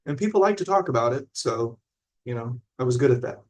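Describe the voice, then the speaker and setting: In this live-streamed talk, a man in his forties from Illinois reads viewer comments while teaching mindfulness. His mid-range voice is animated and fairly quick, and his delivery rambles conversationally, often checking in with listeners.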